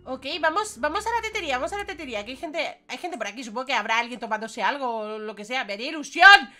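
A high, bright-voiced woman with a Spain Spanish accent gives excitable, giggly let's play commentary. She yelps playful barks as she plays. Her tone stays crisp and sharp. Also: fast, faint music behind. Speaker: gaming host.

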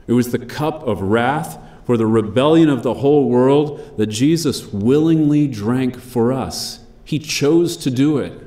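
Man, preacher, sermon, mellow dark tone, roomy echo, measured emphatic delivery. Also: medium pitch. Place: church.

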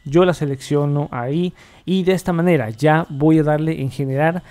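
Guy doing a screen tutorial, kinda high but dark mellow voice, keeps repeating himself. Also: steady tone, normal speed. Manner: repetitive, filler-heavy demo talk. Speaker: tech tutorial host. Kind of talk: screen-recorded software tutorial.

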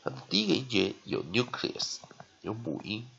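Low gravelly-voiced male teacher. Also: big pitch swings, sharp tone, lo-fi sound, a little hiss or hum. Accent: Taiwanese Mandarin. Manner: drawn-out repeated syllables, frequent "ha" tag. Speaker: English teacher. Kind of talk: spelling and phonics lesson.

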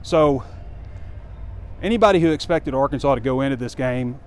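A medium-pitched, smooth and slightly mellow voice at a moderate pace: a sports site publisher in his forties walking a campus street near a stadium. His commentary is candid, conversational and rambling with fillers, filmed on a close-held phone camera amid faint street noise.

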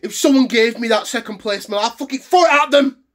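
A man playing an angry young football fan in a comedy sketch, ranting and swearing with shouted bursts. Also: very high voice, brisk. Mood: furious. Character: furious English male football fan ranting. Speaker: comedy character.

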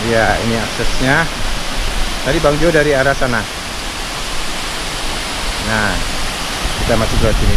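A man's voice: mid-range voice, heavy background noise. A man presenting a casual travel vlog outdoors in a tropical forest, talking enthusiastically to his viewers and exclaiming often. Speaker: travel vlogger. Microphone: action camera. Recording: loud waterfall roar on an action camera. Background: rushing water.

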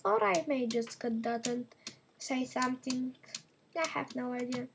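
Slow-talking high-voiced woman gamer. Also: vocal fry, background noise. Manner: chatty and rambling, talking to viewers while playing. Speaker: gaming channel host. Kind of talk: casual gameplay commentary.

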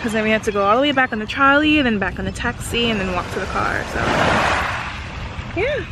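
A woman's voice: a little high, expressive, fast. A young woman chatting to the camera as a vlogger and mother, talking to her baby along the way. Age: young adult. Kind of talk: casual vlog chat. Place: inside a car, then outdoors. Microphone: phone camera at arm's length. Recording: loud background noise.

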